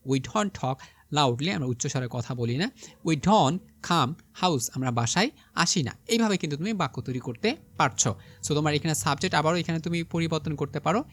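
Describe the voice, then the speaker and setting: A young man giving a spoken English lesson, slowly repeating example sentences and checking in with his students. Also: on the high side, a bit bright, no room sound. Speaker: English teacher.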